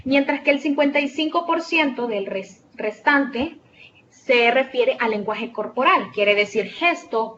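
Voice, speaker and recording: A woman with a Salvadoran Spanish accent giving an online class lecture as a tutor. She explains patiently, asks her students rhetorical questions and often fills pauses with "este". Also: on the high side, fairly bright tone, lo-fi sound, a little hiss or hum. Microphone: video call.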